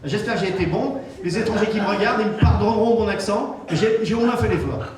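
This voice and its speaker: A man acting as master of ceremonies, talking in a playful, self-mocking, halting way. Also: high voice, over music. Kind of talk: event speech. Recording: echoey hall from far off.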